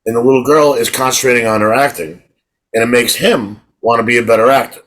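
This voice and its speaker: With a medium-pitched, fairly bright voice, a middle-aged co-host talks fast in a casual podcast chat. He's a rambling storyteller who keeps repeating words as he starts and restarting what he says.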